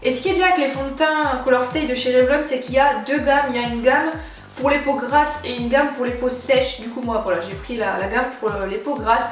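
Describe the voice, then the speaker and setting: A young woman chats through a makeup haul in a high voice, looping back with fillers and restarts. She sounds set back from the mic in a very echoey room, with faint music underneath. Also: fairly even intonation, fairly quick, recorded from a distance. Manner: chatty, many fillers and restarts. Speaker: beauty vlogger. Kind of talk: casual haul review.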